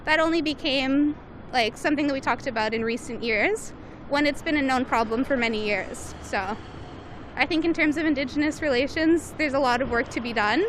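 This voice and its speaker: A woman's voice: high voice, a little fast. A woman giving an earnest, fluent street-interview answer. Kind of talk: street vox pop answer. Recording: outdoors with loud traffic.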